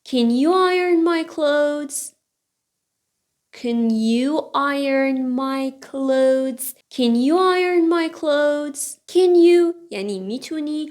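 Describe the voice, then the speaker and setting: A woman whose first language is Persian, teaching English phrases, saying each one slowly and explaining the rest briskly. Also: high-pitched. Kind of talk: language lesson.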